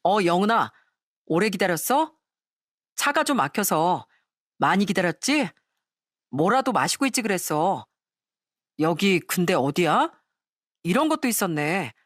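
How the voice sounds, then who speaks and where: A woman's voice: fairly low pitch, sing-song, a little slow, pauses often, no room sound, studio quality. A woman voicing a deceitful young male fiancé who stammers out excuses. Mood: cheerful. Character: deceitful two-timing young fiancé, man.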